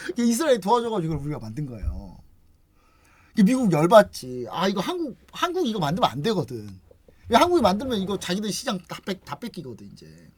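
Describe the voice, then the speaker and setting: Lively storytelling investment host. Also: mid-range voice, slightly rough, no echo. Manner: lively storyteller acting out quoted remarks; chatty, frequent rhetorical questions. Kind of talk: casual explanatory talk.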